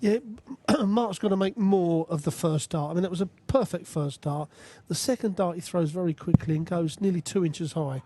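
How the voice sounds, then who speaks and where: Higher-voiced male darts pundit, mellow tone. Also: moderate pace, few pauses, slight background noise. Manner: analytical, addresses his co-commentator. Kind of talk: conversational live sports commentary.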